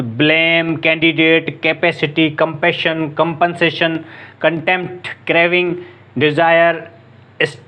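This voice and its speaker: A man's voice: a little high, a bit bright. A man teaching English grammar to students, reading words off a board one by one, often stumbling and restarting half-said words. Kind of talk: classroom lesson at a board. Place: classroom with a board.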